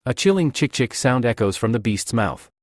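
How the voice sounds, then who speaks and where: A man narrating a comic recap in an even, storytelling delivery. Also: mid-range voice, normal speed, no echo, studio quality.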